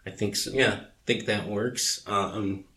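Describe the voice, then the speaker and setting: A man's voice: on the low side, fairly even intonation, unhurried, sharp tone. A man in his thirties chatting casually as a podcast co-host, rambling with many fillers. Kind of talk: casual chat.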